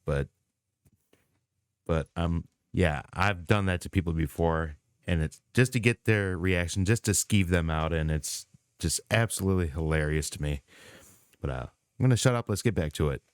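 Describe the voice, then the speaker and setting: A man's voice: low voice, normal speed, clear, resonant tone, dry recording, studio quality. A man hosting a reaction video, commenting casually and with amusement on a comedy clip. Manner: relaxed, amused, a few fillers.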